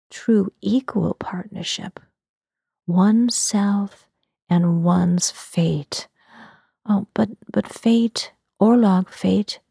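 A woman narrating a dreamy fantasy story in a soft, breathy whisper. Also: medium pitch, no room sound, clean studio sound.

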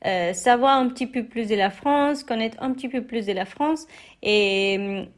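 A woman's voice: on the high side, moderate pace. A young adult woman from Mexico with a Mexican Spanish accent, telling her story as an interview guest, hesitant with many fillers and restarts. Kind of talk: interview testimony.

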